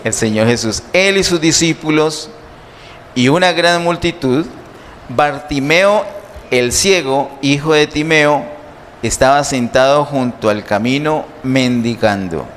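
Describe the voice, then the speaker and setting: Slow, emphatic preaching man in reverberant church. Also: medium pitch, a bit bright. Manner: slow, emphatic preaching with rhetorical questions to the congregation. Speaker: pastor. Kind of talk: sermon. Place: church sanctuary. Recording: long church reverb, faint noise.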